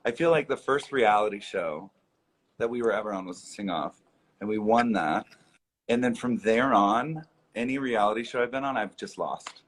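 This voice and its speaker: A man's voice: on the low side, moderate pace. A young man hosting a casual livestream chat, chatty and self-deprecating, laughing often. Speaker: livestream host. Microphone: phone livestream.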